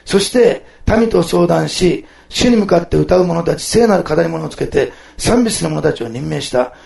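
A man preaching a sermon, switching between loud exclamations and soft, quiet asides. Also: a little high, expressive, normal speed, vocal fry. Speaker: pastor. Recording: echoey room.

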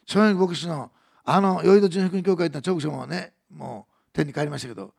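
A man preaching a sermon as pastor, earnest, moving between soft hushed passages and raised emphatic lines. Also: a little high, fast, vocal fry.

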